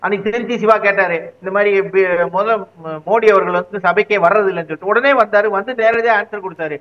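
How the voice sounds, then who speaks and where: A man's voice: high-pitched, quick pace, lo-fi sound. A man speaking as a guest commentator in a heated political interview, arguing his side with repeated rhetorical questions.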